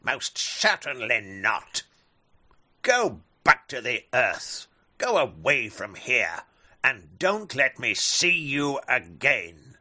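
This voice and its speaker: A haughty king of the birds who barks his orders loudly and sends others away, as a man puts him on for a storybook. The voice is bright and a little husky, with lively swings in pitch. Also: unhurried, few pauses, heavily acted. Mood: stern. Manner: loud, dismissive. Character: proud bossy male eagle, king of birds.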